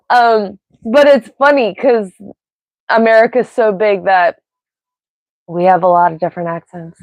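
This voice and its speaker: A woman's voice: a little high, slow, long pauses, a little mellow, dry recording. An American woman with a mixed Pennsylvania and Ohio accent, hosting a casual live stream and rambling off on tangents with frequent giggles. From United States. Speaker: livestream host. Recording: dry, slightly dull sound.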